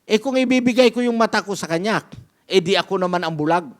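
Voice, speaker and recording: A man's voice: high voice, quick pace, close to an everyday voice. A man voicing a bitter, complaining grown man who is angry at his life and grumbles through a storytold sermon. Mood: stubborn.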